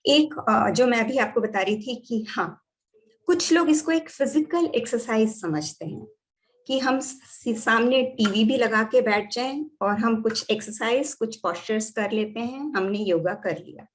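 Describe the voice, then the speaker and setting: A woman doctor with an Indian accent gives a calm teaching talk. She explains step by step and slips between Hindi and English phrases. Her voice sits slightly high. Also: a little slow. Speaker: doctor and yoga therapy teacher. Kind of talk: lecture.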